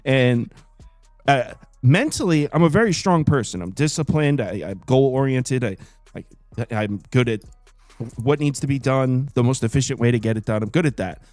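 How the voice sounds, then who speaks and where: A man's voice: mid-range voice, normal speed, no room sound, soft background music. Jokey thirty-something man hosting a betting show. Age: 30s. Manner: animated, jokey, self-deprecating. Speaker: sports betting show host. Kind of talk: casual chat.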